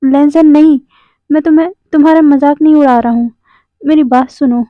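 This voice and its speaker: A woman voicing a pleading, earnest young man in love, who talks haltingly and repeats his words. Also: high voice, little pitch movement, no echo, lightly acted. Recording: dry, tinny phone-like sound.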